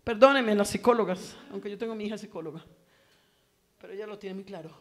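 A woman preaching a Pentecostal sermon at a church service, swinging between fervent shouted exhortations and quiet conversational asides. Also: mid-range voice, fast.

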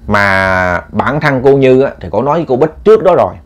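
A man's voice: medium pitch, lively intonation, a little fast. A man narrating a ghost story in a colloquial, meandering way, often repeating words.

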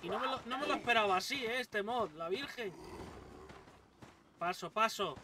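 A young man with a Spain Spanish accent hosts a gaming channel, giving excitable let's-play commentary in a high voice at normal speed. He's jumpy, yelping, swearing and exclaiming constantly at every scare. The mic is distant and background noise is clear.

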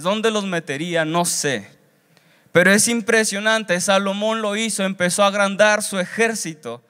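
A young seminary student preaches from a large church auditorium stage in a high-pitched, fairly bright voice. He is earnest and instructive, repeating phrases for emphasis. He speaks into a handheld wired mic, and the hall is reverberant through the PA.

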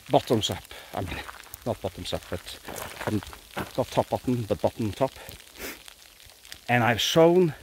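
A man's voice: mid-range voice, slight background noise, low-quality recording. A Norwegian man in his forties with a Norwegian accent, talking earnestly into a phone held at arm's length in a pine forest, with frequent restarts. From Norway. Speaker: vlogger. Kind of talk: casual philosophical monologue.

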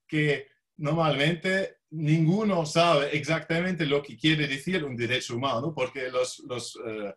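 A man who is not a native Spanish speaker gives an academic talk with a foreign accent, halting and often searching for words. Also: fairly high pitch, fairly bright tone. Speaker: law professor, visiting lecturer.

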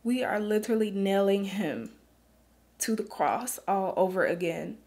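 A woman beauty influencer speaking in an earnest, pleading faith vlog, holding back tears and dropping into soft whispers. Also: mid-range voice, measured pace.

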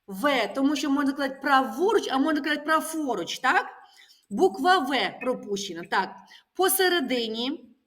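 A woman's voice: high voice, sing-song, normal speed, fairly bright tone. A woman teaching a primary school class, patiently asking questions and repeating the pupils' answers back to them. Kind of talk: classroom lesson.

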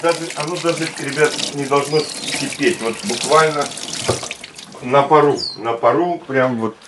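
A man's voice: medium pitch, a little slow. A man chatting casually and giving cooking advice as a companion in the kitchen. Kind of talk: casual chat. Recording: very noisy kitchen, running water, appliances. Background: loud kitchen noise.

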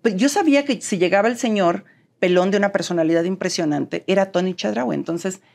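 A woman's voice: medium pitch, fairly quick, gravelly. A Mexican woman with a neutral accent, a guest in an interview, telling her story animatedly and acting out the dialogue. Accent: neutral Mexican Spanish. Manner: animated, acts out quoted dialogue.

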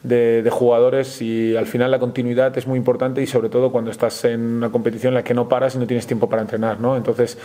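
A basketball coach with a Spanish accent speaks at a post-game press conference, pausing often and restarting his sentences. His voice stays even and flat, with a dark, mellow tone. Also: medium pitch. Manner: measured, frequent hesitations and restarts.

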